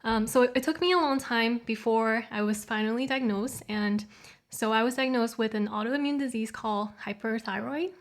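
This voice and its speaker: A woman's voice: on the high side, normal speed. A woman in her thirties from Taiwan, raised in Canada, telling her story as an interview guest in an easygoing way. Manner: easygoing, laughs often. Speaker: guest, yoga studio founder. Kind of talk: interview conversation.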